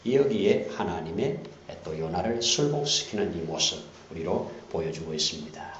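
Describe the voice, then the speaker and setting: A man pastor preaching a sermon, swinging from hushed whispers to loud emphatic lines and repeating key phrases for emphasis. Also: deep voice, lively intonation, normal speed. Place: church sanctuary. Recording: dull roomy church recording with faint hiss.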